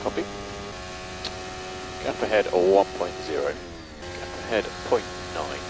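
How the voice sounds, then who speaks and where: This race engineer's low, unhurried voice competes with loud music as he delivers terse, factual updates. It comes across as a team radio transmission, noisy and full of car sounds.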